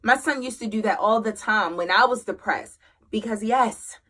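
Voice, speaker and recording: Forceful, emphatic woman giving a pep talk. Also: a little high, moderate pace. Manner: emphatic, repeats phrases, swings from loud urging to quiet confession. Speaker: host; single mother. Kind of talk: motivational talk to camera.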